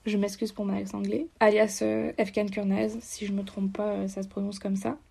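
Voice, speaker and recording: A young woman from France hosts her podcast in a loose, chatty way, rambling through her thoughts with plenty of fillers. Her voice is mellow and dark in tone, with a gravelly fry running through it. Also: medium pitch, little pitch movement, fairly quick. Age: young adult. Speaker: podcast host. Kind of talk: casual podcast chat.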